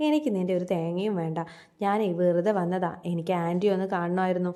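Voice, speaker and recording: A pushy, scheming young man with a menacing streak, as a woman storyteller reads him. His lines sound soft and mellow, kept close to the narrator's plain retelling voice rather than fully acted. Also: high voice, brisk, lightly acted.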